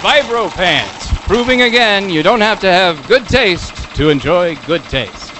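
A man acts out an earnest 1950s commercial pitchman with a hard-sell delivery. His middle-aged voice sits fairly high and swings in melody, over faint noise. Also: expressive, unhurried. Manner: emphatic announcer delivery. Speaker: TV pitchman presenter. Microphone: handheld microphone.

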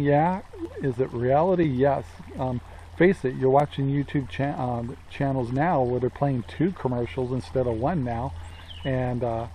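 A man in his sixties from Central Oregon, USA, vlogs about homesteading, chatting casually to a selfie-framed camera held close in front of him. He stands outdoors in a sunny yard with trees, his mid-range voice warm, rambling with many ums as he asks and answers his own questions. A little hiss or hum sits under the audio.

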